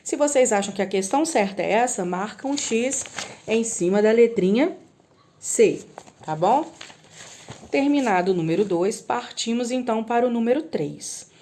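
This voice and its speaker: A woman teaching a recorded lesson to young children, slowly drawing out example words and often checking in with them. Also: a little high, animated, dark tone, slight background noise. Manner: patient, drawn-out word spelling with frequent "tá?" checks. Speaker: primary school teacher.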